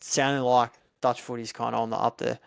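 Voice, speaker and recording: A man interviews in a casual, conversational style, with a smooth, clear voice at medium pitch. He is attentive and colloquial as he hosts. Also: flat delivery, brisk. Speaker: interviewer, host.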